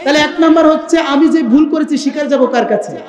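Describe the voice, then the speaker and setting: A young male preacher from Rangpur with a strikingly high voice delivers a fervent sermon. He chants his phrases in a sing-song cadence and rises to loud shouts, calling on the crowd to answer. The sound rings through a roomy, echoing public-address setup. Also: very fast. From Rangpur, Bangladesh. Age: young adult. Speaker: Islamic preacher. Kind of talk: fiery sermon at a religious gathering.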